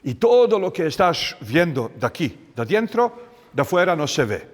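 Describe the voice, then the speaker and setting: Male folklorist guide with a Bosnian accent, fairly high voice, unhurried storyteller, dry close sound. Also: very animated, no room sound. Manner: storytelling, unhurried with many restarts. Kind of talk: guided walking tour talk.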